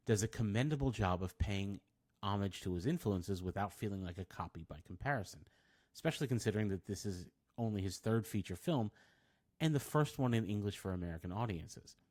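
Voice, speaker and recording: A man's voice: on the low side, expressive, brisk, darkish tone. A man reading a scripted film review, with wry, dry asides.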